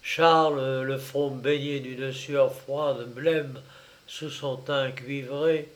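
A man narrating a novel aloud in a slow, grave, expressive reading. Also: medium pitch, rough recording.

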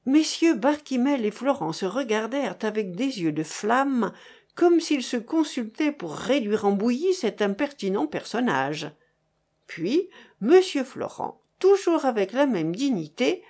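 Slow, expressive woman reading a novel. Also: on the high side. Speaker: narrator.

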